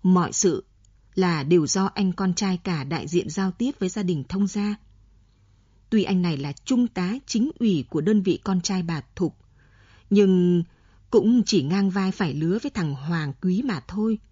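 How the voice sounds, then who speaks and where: Husky-voiced woman narrating a novel. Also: on the low side, measured pace, warm tone, dry recording, highs cut off. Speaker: audiobook narrator.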